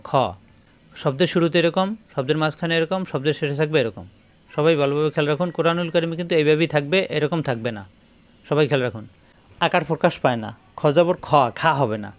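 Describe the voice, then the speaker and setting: A man's voice: on the high side, fast. A man teaching a recitation lesson step by step, repeating syllable drills and speaking directly to his viewers. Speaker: Quran reading teacher.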